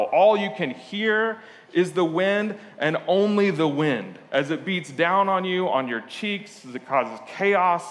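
A man's voice: fairly high pitch, fairly bright tone. Chatty preacher man in a reverberant hall. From Portugal. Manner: conversational storytelling with frequent "uh" fillers and asides. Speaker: pastor. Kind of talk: sermon.

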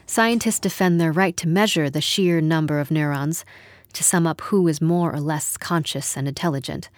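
A woman narrating a literary story in a measured, wry storytelling manner. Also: sits low, dry recording. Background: music.

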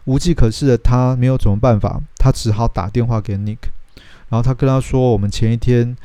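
A man's voice: mid-range voice, fairly even intonation, brisk, warm tone, clean tone, dry recording. A man, telling the plot of a film in a casual, chatty way and acting out the characters' lines. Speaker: host retelling a film plot. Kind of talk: casual storytelling film recap.

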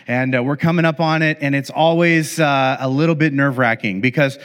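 A man's voice: medium pitch, steady tone, a little fast, a bit bright, clean tone. A middle-aged man, a pastor, telling a funny family story in a sermon, talking casually with many fillers and restarts. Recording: long hall reverb.

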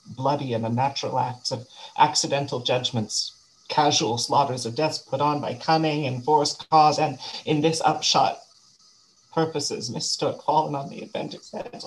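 A man's voice: fairly high pitch, lightly acted, rough recording. A man acting a loyal, solemn, grieving friend in a Shakespearean tragedy, recorded with background noise.

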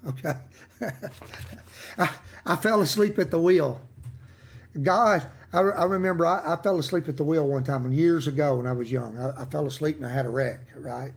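A middle-aged man preaching a casual daily devotional in a folksy, emphatic way, with laughs and asides to his listeners. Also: on the high side. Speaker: pastor giving a daily devotional.

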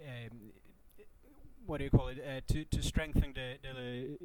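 A man chatting casually as a podcast co-host in a halting, hesitant way. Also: mid-range voice, steady tone, darkish tone, rough recording.

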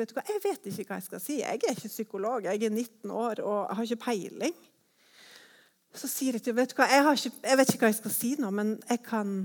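A woman giving a personal testimony, telling her story in a lively way and acting out her own thoughts as quotes. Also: a little high.

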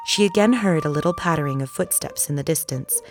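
A woman narrating a storybook in a measured, expressive way. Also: deep voice, over music. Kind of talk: storybook reading.

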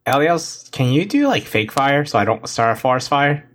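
A man takes his turn in a tabletop game. He speaks casually in a mid-pitched voice, pausing and hesitating as he works out his moves. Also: sing-song, a bit bright. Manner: hesitant, halting.

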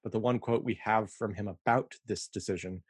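A man's voice: on the low side, fairly quick, breathy edge, no echo, clean studio sound. A man co-hosting a podcast, chatting casually, laughing often and reading quotes aloud. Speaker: podcast co-host. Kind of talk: casual chat.

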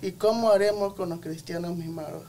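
High-voiced man reading viewer comments. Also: fairly quick, mellow, slight background noise. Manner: reading messages aloud.

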